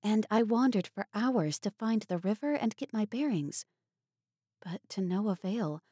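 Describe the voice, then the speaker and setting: A woman's voice: medium pitch, lively intonation, measured pace, dark tone, husky, no room sound, clean studio sound, voice pushed up. A woman voicing a proud, earnest young woman who speaks wistfully.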